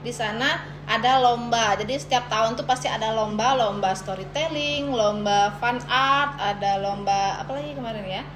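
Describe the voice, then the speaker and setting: A woman's voice: on the high side, normal speed, over music. A woman with an Indonesian accent, a teacher explaining things conversationally as a podcast guest, with frequent tag words. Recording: echoey room with clear noise.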